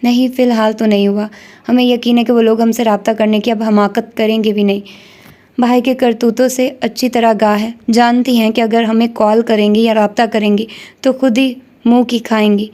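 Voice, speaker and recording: A woman voicing a soft-spoken young sister. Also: a little high, flat delivery, lightly acted.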